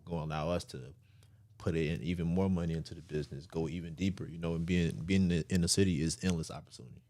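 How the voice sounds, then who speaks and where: A man in his twenties talks fast in a low, mellow voice with fairly even intonation and no echo. As a podcast co-host he's laid-back and slangy, chatting casually with plenty of fillers and swearing.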